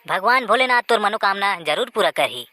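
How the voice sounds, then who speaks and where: A woman voicing a calm, solemn old male holy man in a Chhattisgarhi cartoon, speaking with a slow, chanting, preachy manner and a Chhattisgarhi accent. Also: medium pitch, close to an everyday voice. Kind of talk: cartoon voice acting. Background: background music.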